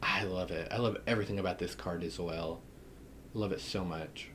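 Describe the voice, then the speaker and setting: A man's voice: deep voice, fairly even intonation, normal speed, noisy background. A man with a Southern US accent, chatting enthusiastically as he unboxes a tarot deck and laughs often. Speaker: tarot reader. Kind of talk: casual deck unboxing chat.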